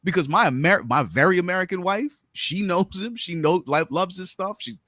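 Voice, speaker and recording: A man's voice: high voice, moderate pace, bright, forceful tone, no room sound. A man with a Bermudian accent co-hosting a talk show, speaking emphatically and casually as he argues his views, repeating words for stress. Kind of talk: casual opinionated discussion.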